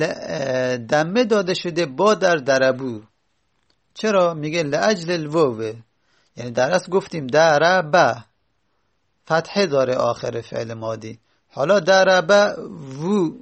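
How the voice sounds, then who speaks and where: A male teacher explaining Arabic grammar step by step, repeating word forms aloud. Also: a little high.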